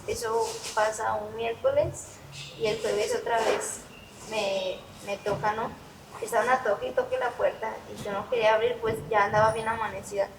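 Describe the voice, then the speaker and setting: A Mexican woman with a fairly high voice tells her recovery testimony as an interview guest. She recounts her story in an animated way and laughs at her own memories. The recording is echoey, taken from a distance, with clear background noise. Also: normal speed. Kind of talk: personal testimony in a podcast interview.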